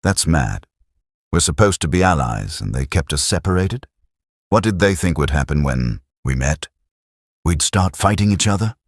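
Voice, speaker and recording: A man's voice: rumbling low, big pitch swings, normal speed, slightly rough, dry recording, studio quality, heavily acted. A man voicing a cheeky young British soldier who talks in a breezy, teasing way.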